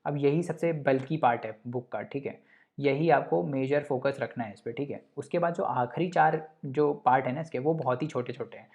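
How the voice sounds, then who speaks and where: A man's voice: mid-range voice, normal speed, creaky, a little mellow. A young man giving a casual lesson in Hindi peppered with English terms, checking in with "theek hai" after each point. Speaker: exam coaching presenter.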